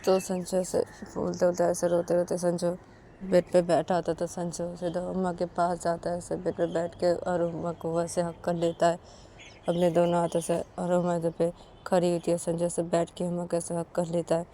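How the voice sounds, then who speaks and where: A woman's voice: fairly low pitch, completely flat delivery, normal speed, warm tone, slight background noise. A woman narrating a romantic story in a casual, repetitive way, chaining events together with filler links.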